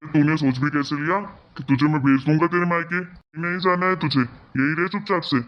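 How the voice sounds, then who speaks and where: A man's voice: fairly high pitch, steady tone, brisk, lightly acted. A man voicing a stern, domineering elderly father-in-law in a cartoon story, scolding harshly. The recording is slightly dull and lo-fi. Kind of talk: cartoon voice acting.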